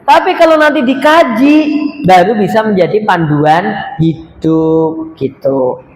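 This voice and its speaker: A man with a Javanese accent preaching to a live audience in a joking, animated way, acting out little dialogues. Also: sits high, takes it slowly. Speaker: preacher at a women's religious study group. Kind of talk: lively sermon to a live audience. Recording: echoey hall with background noise.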